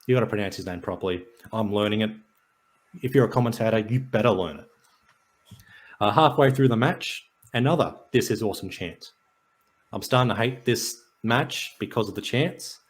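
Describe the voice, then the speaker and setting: A man, co-hosting a casual podcast, running through stats and match notes with a dry, jokey delivery. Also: on the low side. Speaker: podcast co-host. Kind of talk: casual sports and wrestling chat.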